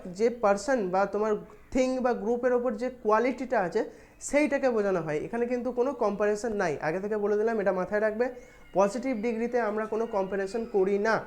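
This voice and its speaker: A young woman with a Bengali accent teaches a grammar lesson for exam prep, explaining patiently to her students and reading English examples slowly. Her voice is fairly high-pitched with a darkish tone.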